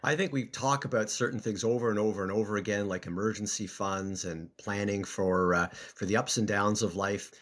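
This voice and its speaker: A man with a fairly low voice co-hosts an explanatory podcast. He talks from under a blanket at home, recording on an everyday cell phone. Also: a bit bright. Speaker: podcast co-host, personal finance columnist.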